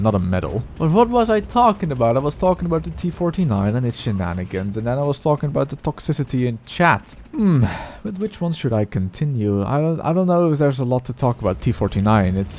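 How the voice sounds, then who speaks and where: A man talks over his own gameplay in loose, chatty commentary, stopping to correct himself and wander between topics. His pitch jumps up and down a lot as he goes. A faint hiss sits under the voice. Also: a little mellow. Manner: rambling, self-correcting, chatty.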